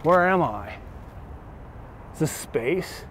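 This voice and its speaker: A man's voice: a little high, animated, slow, fairly bright tone, a little hiss or hum. A young man playing a laid-back, goofy dude who returns shopping carts, rambling in an upbeat way outdoors in a parking lot. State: winded. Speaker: comedic character. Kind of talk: improvised comedy sketch.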